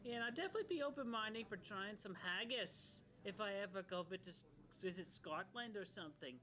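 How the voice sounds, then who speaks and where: A person chatting casually in a mall restaurant, rambling with halting restarts. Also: medium pitch, animated, bright, forceful tone, poor audio. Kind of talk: casual chat.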